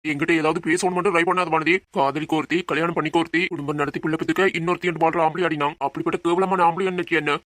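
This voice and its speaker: A man's voice: on the high side, steady tone, rapid-fire, few pauses, fairly bright tone, no room sound, natural voice. A man voicing a possessive, hot-tempered young husband in a cartoon, scolding and domineering. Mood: angry. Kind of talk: cartoon voice acting.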